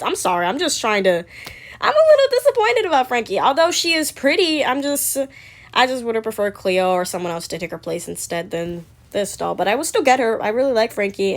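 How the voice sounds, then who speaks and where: A young woman in a casual review chat, rambling and hesitant with many fillers and restarts, candid and opinionated. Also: mid-range voice. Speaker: doll collector vlogger.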